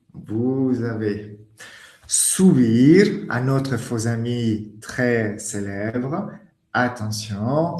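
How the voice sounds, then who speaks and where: A man's voice: medium pitch, a little mellow. A man teaching French in a webinar lesson, patient and repeating key words, recorded in an echoey room.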